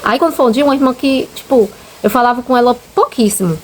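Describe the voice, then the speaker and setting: A slightly high female voice comes through fast, with some background noise. She's a Brazilian channel host who has kids, and with a Brazilian Portuguese accent she shares her religious testimony earnestly and emotionally, telling it casually while often saying "gente" to viewers.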